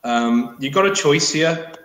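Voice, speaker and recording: A man running a tabletop game as game master, talking casually in a halting, wry way. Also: on the high side, lively intonation, fairly bright tone, reverberant.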